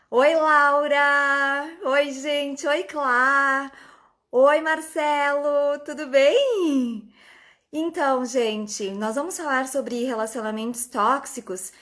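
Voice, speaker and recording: A woman's voice: high-pitched, fairly bright tone. A woman hosting a casual live stream, greeting viewers by name and chatting.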